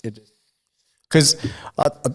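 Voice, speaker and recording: A man from Fiji co-hosting a casual chat show, telling stories and acting out what people said. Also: slow. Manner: animated storyteller, acts out quotes. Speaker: podcast co-host.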